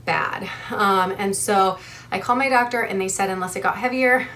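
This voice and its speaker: A young woman chats to her camera in a casual vlog, her voice sitting at a middling pitch. She runs short of breath as she talks and fills the gaps with frequent ums, keeping an easy, chatty flow. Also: moderate pace, pushed and bright, a little hiss or hum. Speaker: vlogger.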